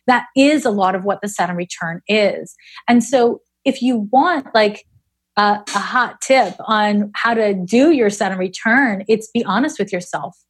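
A woman's voice: medium pitch, unhurried. A woman in her forties, an astrologer being interviewed, speaking frankly and bluntly with casual swearing. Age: 40s. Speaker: astrologer guest.

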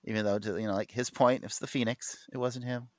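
A man's voice: medium pitch, steady tone, fast talker, no echo. Man, podcast co-host, mid-range voice, dry close sound, rambling fan enthusiasm. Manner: rambling, enthusiastic, many fillers and restarts. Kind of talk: casual comic book chat.

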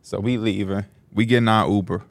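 Animated man telling a funny podcast story. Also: brisk, dry recording. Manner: animated, jumps into high voices to quote people; slangy, laughs through his stories. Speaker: podcast co-host. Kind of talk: casual storytelling chat.

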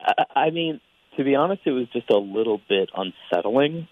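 A man's voice: mid-range voice, lively intonation, moderate pace. A man talking over a phone line on a radio show's speakerphone, hesitant and stumbling over his words as he explains himself. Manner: hesitant, stammering restarts. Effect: heard over a phone line on speakerphone. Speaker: radio call-in guest. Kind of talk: casual phone chat.

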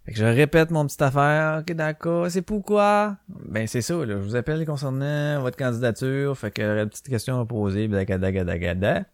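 Man, Québécois French accent, podcast host, casual monologue, swearing, ranting, middle pitch, dry close sound. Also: fairly quick, few pauses, dry recording. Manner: swearing, ranting storyteller who acts out quotes.

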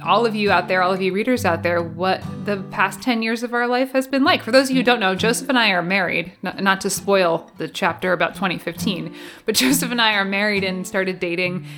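Her mid-range voice is fairly quick and fairly bright as she chats casually and promotionally on a podcast from her home basement, guitar music in the background. She's a co-presenter, live show MC and author with a playful, wry manner.

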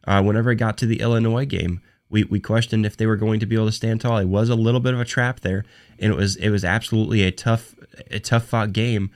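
The speaker is a young man doing a one-man sports talk podcast; his voice is fairly low and steady in tone, yet hoarse and weakening from a cold. He talks unrehearsed, in broken bursts, with restarts and repeated words throughout.

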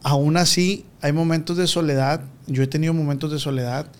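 A Mexican man chatting on a podcast, his voice sitting a bit higher than most men's. He talks in a slangy, confiding way and keeps sinking into a quiet murmur. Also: steady tone, a little fast. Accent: Mexican Spanish. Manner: slangy, confiding, drops to a low murmur often. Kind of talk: casual chat.

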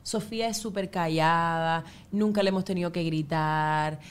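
A woman's voice: fairly low pitch, steady tone, normal speed, clean tone. A woman from Cuba with a Cuban Spanish accent, chatting expressively as a guest about raising her daughters. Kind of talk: casual chat.

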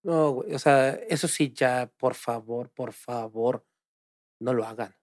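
Man, Mexican accent, casual chat, animated, profane, average pitch, dry sound. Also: a little slow, no echo. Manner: animated, swears freely. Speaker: podcast co-host.

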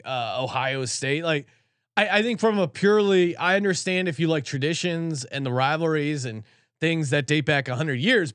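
A man's voice: a little high, a bit bright, no room sound, studio quality. A man hosting a sports podcast, talking in a chatty, informal way. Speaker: podcast host. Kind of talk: casual sports betting talk with sponsor reads.

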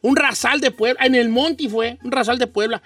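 A man's voice: very high voice, moderate pace, fairly bright tone, no echo, recorded from a distance, faint music behind. A Mexican man from Michoacán hosting a radio show, telling a rambling, slangy story in a casual chat.

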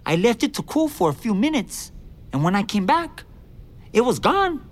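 A man voicing a sly fifteen-year-old boy who feigns innocence in a smooth, calm way, in a dramatized audiobook. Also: very high-pitched, normal speed, pitched above the performer's own voice. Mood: innocent.

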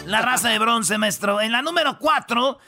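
A man's voice: extremely high pitch, moderate pace, over music. A man hosting a comedic radio countdown, joking and bantering loosely in slangy talk. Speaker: radio show host.

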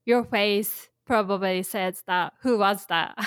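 A woman's voice: mid-range voice, slow pace, fairly bright tone, clear, resonant tone, no echo, studio quality. A woman teaching Japanese in a casual chat, explaining with imagined scenarios and plenty of fillers. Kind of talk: casual language lesson chat.

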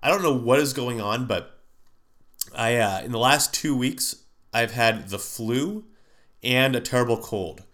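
Talking a little slowly, a medium-pitched male podcast host with a fairly bright tone rambles through a casual solo monologue. A sinus cold leaves his voice nasal and stuffy, and he uses many fillers and keeps restarting.

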